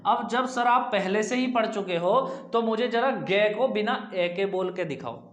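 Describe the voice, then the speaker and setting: This man's voice sits high and he speaks at a measured pace while teaching Hindi grammar on a whiteboard to an exam coaching class. He poses questions, repeats them, answers them himself, and stretches his sounds. The small room with its board gives the recording an echo.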